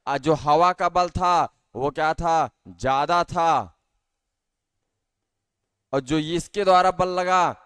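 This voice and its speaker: A male teacher explains a science lesson to schoolchildren, slowly and patiently. His voice is slightly high, smooth and crisp. He puts questions to the class and answers them himself, recorded dry and close. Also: fairly bright tone, dry recording. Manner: calls the students dear children often.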